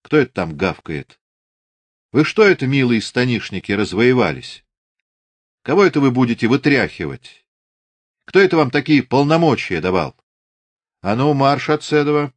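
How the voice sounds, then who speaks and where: A man voicing a self-assured young Cossack officer who speaks in a steady, clipped, threatening way, in an audiobook. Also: medium pitch, moderate pace, pitched above the performer's own voice, lightly acted. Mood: commanding.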